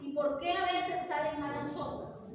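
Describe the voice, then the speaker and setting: A woman's voice: sits high, steady tone, unhurried. A woman preacher delivering an earnest sermon, with frequent rhetorical asides and amens. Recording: echoey hall, far-off mic, background noise.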